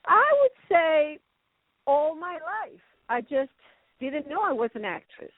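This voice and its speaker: Over a tinny phone line, a guest actress who grew up in Venezuela and Canada chats casually in an interview, rambling and laughing often. She is middle-aged, with a high, very animated voice, an unhurried delivery, and no room sound.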